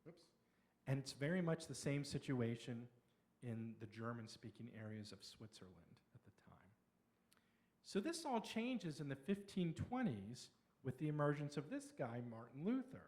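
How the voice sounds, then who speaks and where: A middle-aged man from Pennsylvania giving a conversational slide lecture on history, with explanatory pauses and restarts. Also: mid-range voice, big pitch swings, a little mellow. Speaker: local history speaker.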